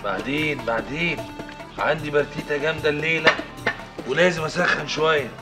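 An actor playing a carefree gambling husband, speaking in Egyptian Arabic in a breezy, dismissive way. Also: male voice, a little high, a little fast, over music, natural voice.

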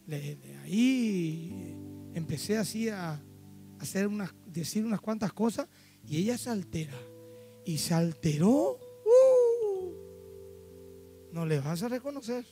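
A middle-aged man with a Paraguayan Spanish accent, preaching a sermon that tells stories from his own life, moving from hushed asides to loud, emphatic declarations. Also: high-pitched, lively intonation, a little slow, gravelly, faint music behind. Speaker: pastor. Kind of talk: sermon with acted-out anecdotes.

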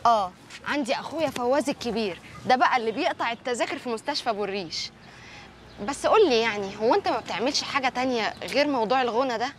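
A woman's voice: fairly high pitch, animated, rapid-fire, slight background noise, close to an everyday voice. A woman with an Egyptian accent, chatting and asking naive questions in a comedy series. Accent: Egyptian Arabic.

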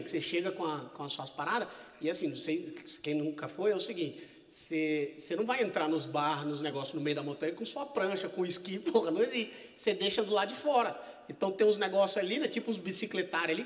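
A male stand-up comedian telling a story on stage at a live show, animated and swearing freely as he acts out the people in it. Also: sits high, big-room sound.

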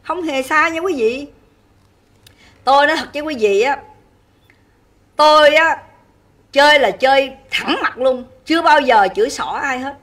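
A woman with a high, bright, piercing voice delivers an angry livestream rant. She scolds and insults in a harsh, relentless flow. She keeps turning to her viewers with rhetorical questions, asking whether she is right. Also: unhurried, long pauses, recorded from a distance. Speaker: livestream host.

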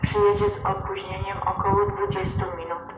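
A railway station announcer heard through an outdoor platform loudspeaker, giving scripted train announcements in a formal, even, measured way. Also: medium pitch, very noisy. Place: open-air railway platform. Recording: echoey, dull loudspeaker from far off.

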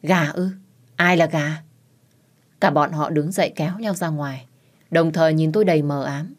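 Lowish-voiced woman reading a dramatic story. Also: normal speed. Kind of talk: first-person audiobook narration. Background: faint background music.

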